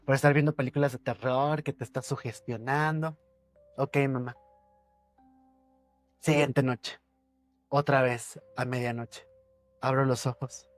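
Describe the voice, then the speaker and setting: Man, podcast guest, suspenseful ghost-story teller who repeats and hushes. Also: steady tone, unhurried, pauses often, faint music behind. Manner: suspenseful storytelling, repeats words for effect, drops his voice low. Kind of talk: telling a personal ghost story.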